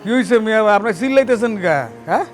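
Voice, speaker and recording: A brash scornful younger son. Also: male voice, very high-pitched, soft background music. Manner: mocking, aggressive, fast retorts.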